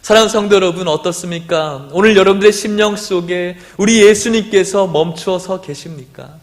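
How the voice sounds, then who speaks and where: High-voiced Korean pastor preaching. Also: male voice. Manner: storytelling preacher, rises loud for quoted cries, drops soft for questions. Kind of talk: sermon. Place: church sanctuary.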